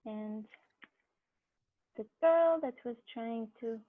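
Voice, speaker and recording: A woman's voice: fairly high pitch, takes it slowly. A woman teaching an online movement class, her voice muffled as if heard through a wall by bad headphones. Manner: friendly, hesitant, frequent fillers and small laughs. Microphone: cheap headphone mic on a video call. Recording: muffled tinny video call through cheap headphones.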